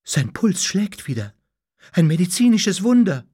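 A man's voice: high voice, sing-song, measured pace, dark tone, husky, no room sound, clean studio sound, voice pushed up, exaggerated voice. A man doing a grave old-fashioned doctor. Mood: astonished.

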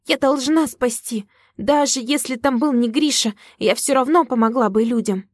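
A woman's voice: high-pitched, normal speed, dry recording, studio quality. A woman narrating a story in the first person, with emotional storytelling. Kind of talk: audiobook narration.

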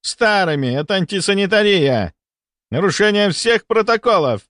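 A man voicing a shrill, bullying middle-aged male hospital deputy chief in an audiobook, with a hectoring, indignant manner. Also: expressive, moderate pace, a bit bright, dry recording, clean studio sound. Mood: scolding. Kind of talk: audiobook character voice.

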